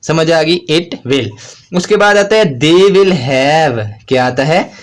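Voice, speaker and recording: A man with a somewhat high voice for his sex teaches a shorthand lesson on video. He talks through each stroke as he writes it. He keeps asking the class a question and then gives the answer himself, with plenty of repetition. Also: lively intonation. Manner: asks rhetorical questions and answers them himself; slow, repetitive explanation while writing.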